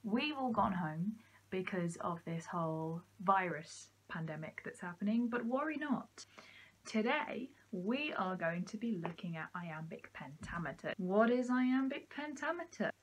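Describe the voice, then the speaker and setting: Young woman, student society officer, upbeat scripted explainer, mid-pitched. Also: animated, measured pace, slightly rough. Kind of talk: scripted educational talk.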